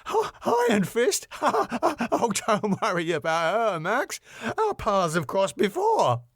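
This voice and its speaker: A man voices a cheeky, glib music promoter who wisecracks and placates flippantly, in an exaggerated voice pitched above his own. It sits high with huge pitch swings, slow and a bit bright, in a clean, dry studio recording.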